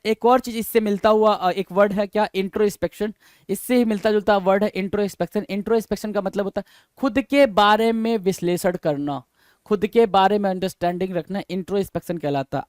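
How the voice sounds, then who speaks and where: A man teaches exam vocabulary, moving between Hindi and in a fairly high voice. He drills each answer over and over, spells it letter by letter and fires questions back at the listener. The recording is close and dry, with no room sound. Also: no room sound. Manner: asks the viewer questions and answers them himself.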